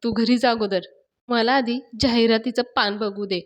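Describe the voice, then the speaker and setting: A woman's voice: fairly high pitch, fairly even intonation, normal speed, close to an everyday voice. A woman voicing a playful young husband who teases and insists on keeping a secret, retelling a TV serial scene. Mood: teasing, insistent. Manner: teasing, insistent.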